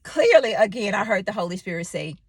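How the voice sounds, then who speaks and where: A woman in her thirties giving an animated devotional talk, telling a personal story with sudden exclamations. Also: mid-range voice, brisk, husky, no echo. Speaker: faith vlogger.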